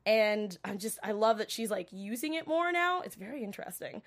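A woman's voice: medium pitch, lively intonation, fairly quick. A woman getting over a cold, chatting casually and rambling with many fillers as she reacts to a show and reads viewer comments. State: recovering from a cold, coughing. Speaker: livestream show recap host.

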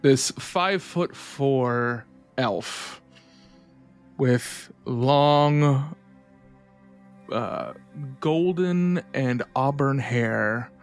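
A man narrating a tabletop game as game master, describing scenes at an unhurried pace with fillers. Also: mid-range voice, soft background music.

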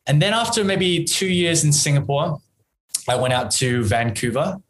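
An Australian man in his 30s, a podcast guest and entrepreneur, speaks with an Australian accent in a fairly high voice at normal speed. He tells stories in a casual, conversational way, rambling and restarting, with a bit of noise behind him.

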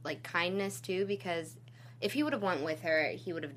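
A woman's voice: on the low side, normal speed, a bit bright, slight background noise. A woman co-hosting a podcast, chatting casually and reacting with feeling. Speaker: podcast co-host. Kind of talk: casual chat.

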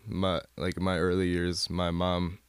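In a deep, smooth monotone, slightly slow, the young man from Michigan, USA, talks as a guest in a laid-back interview. He rambles, stacking up fillers and restarting to correct himself, and the recording has no room sound.

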